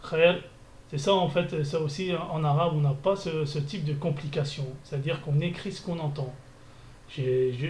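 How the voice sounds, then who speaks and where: A man's voice: a little high, a little mellow, a little hiss or hum. A man teaching a beginner Arabic lesson, thinking aloud as he corrects exercises, with frequent restarts. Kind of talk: screencast lesson. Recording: echoey room, faint ambience.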